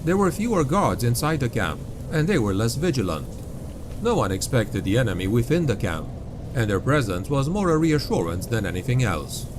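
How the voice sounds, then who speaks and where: A man reading grimdark fantasy as an audiobook narrator, with grave, dark, dramatic storytelling. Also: mid-range voice, big pitch swings, normal speed, background noise. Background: music.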